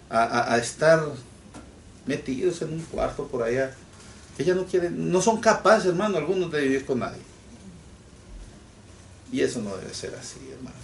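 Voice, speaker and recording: Male preacher, animated sermon delivery, recorded from a distance in a reverberant church. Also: medium pitch, creaky. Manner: animated preaching, addresses listeners as brothers. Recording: echoey room from far off with faint noise.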